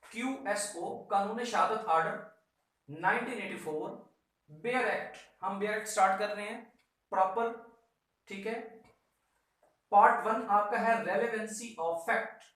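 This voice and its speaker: Speaking slowly and pausing often, a man with a high, fairly bright voice and a Pakistani accent gives an instructional law lecture aimed at exam students. He stays emphatic, repeating key instructions and mixing in English terms, in an echoey room with a whiteboard heard via a distant mic.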